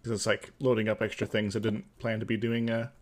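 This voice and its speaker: A man's voice: on the low side, flat delivery, fast. A man chatting casually in a playful, joking way as he plays a game. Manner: playful, jokey. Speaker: co-host of a gaming video series. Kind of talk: casual chat while gaming.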